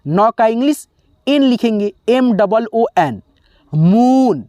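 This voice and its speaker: A man teaching a spelling lesson, slowly sounding out letters one by one and often pausing to check in with his viewers as friends. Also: very high voice, lively intonation, dark tone, no room sound. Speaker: English teacher.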